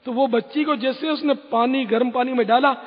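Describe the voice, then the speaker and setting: A middle-aged man answers religious questions, telling stories with earnest exclamations. His voice sits high and a little husky. The recording is lo-fi and rings with a long hall echo. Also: fairly even intonation.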